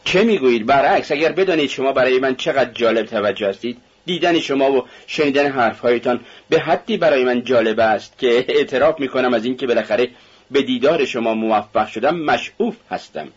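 A man voicing an affable, probing male investigator who talks with smooth, excessive courtesy. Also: medium pitch, close to an everyday voice. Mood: courteous. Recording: dull lo-fi radio recording.

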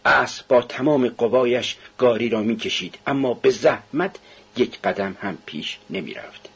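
A man reads a novel aloud in an even, measured narration. His voice is very husky and breathy, sitting at an ordinary pitch. The recording sounds dull and muffled. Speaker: audiobook narrator.

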